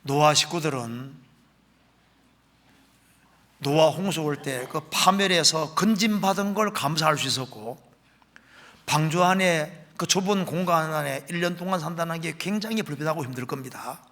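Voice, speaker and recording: A middle-aged man preaching a sermon as pastor, reading scripture aloud slowly and with rising emphasis. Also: a little high, fairly bright tone.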